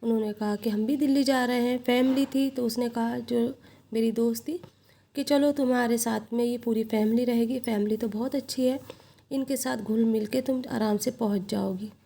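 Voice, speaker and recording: A woman tells a confessional story in the first person, her fairly high voice soft and mellow. She keeps a somber, steady recounting manner throughout. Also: normal speed, vocal fry.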